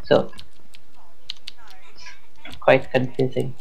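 A sleepy gamer with talks very slowly in a creaky voice. The chat is casual, with faint noise and keyboard clicks behind it. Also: mid-range voice, monotone, a little mellow, highs cut off.

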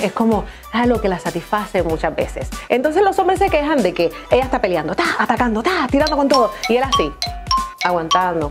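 Young woman doing a funny top five vlog, teasing and animated, music playing under her. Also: medium pitch. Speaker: vlogger host. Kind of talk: comic monologue, countdown list.

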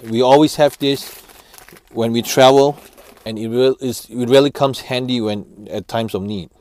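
A man in his thirties giving family road-trip tips in a casual, halting way, with many fillers and restarts, recorded on a lapel mic. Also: medium pitch, fairly even intonation, darkish tone. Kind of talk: casual how-to talk. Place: office room, then parked car.

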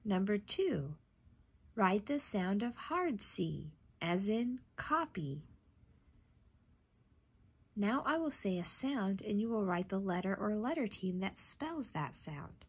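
A woman reading out a scripted spelling test as a teacher, enunciating deliberately and setting words apart. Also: mid-range voice, slightly rough. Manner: deliberate enunciation, isolating each word and repeating it.

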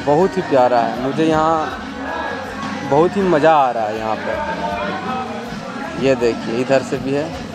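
A young man with a Bihari Hindi accent, excitedly giving a walk-around tour in a casual vlog, filmed outdoors on a phone at arm's length. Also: mid-range voice, slow pace, long pauses. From Bihar, India. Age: young adult. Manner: excited tour-guide talk, keeps pointing things out. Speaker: travel vlogger. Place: outdoor hotel pool and garden. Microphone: phone at arm's length with clip-on mic. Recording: outdoor clip with loud crowd and music. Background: loud crowd and music.

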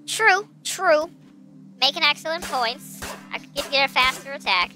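With a voice changer concealing their real voice, a streamer sounds high and expressive, talking at normal speed over background music. It's casual live gameplay commentary: chatty, thinking aloud, and asking chat for input.

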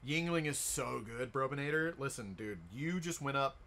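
A man's voice: medium pitch, normal speed, vocal fry, bright, forceful tone, a little hiss or hum. An American man chatting casually on a livestream, rowdy and jokey, swearing freely. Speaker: live streamer. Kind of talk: casual, profane livestream chat.

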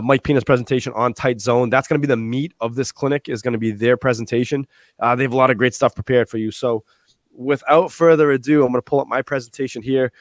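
A man's voice: mid-range voice, dry recording. A young man hosting a live football coaching clinic on a video call, talking casually with many fillers, through an earphone mic. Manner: relaxed, quick, lots of fillers and restarts. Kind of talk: casual live-stream presentation. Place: small room at home.

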